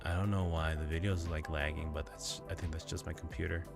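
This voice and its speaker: Loud music plays behind a low, gravelly, flat-sounding man who talks fairly fast. He's a sleepy livestreamer yawning as he rambles to viewers from his home gaming setup, leaning heavily on fillers.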